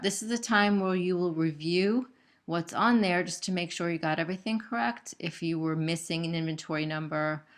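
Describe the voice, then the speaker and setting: A woman narrating a corporate training video as a trainer, explaining each step in a patient, methodical, unscripted way. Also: deep voice. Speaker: trainer for gallery sales staff.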